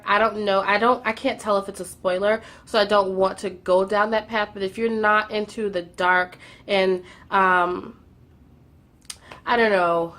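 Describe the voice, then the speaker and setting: In a casual monthly reading wrap-up, a young woman vlogger speaks in a mid-range, fairly bright voice, slightly stuffed up from a cold. She fills her talk with "um"s and doubles words to stress them.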